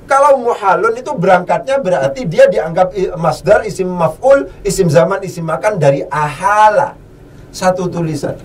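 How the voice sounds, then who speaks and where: A man teaching Arabic grammar who quizzes the listener, repeats key phrases and chants verb forms slowly. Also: sits high, distant mic, a little hiss or hum. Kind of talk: classroom lesson, recited conjugation drills.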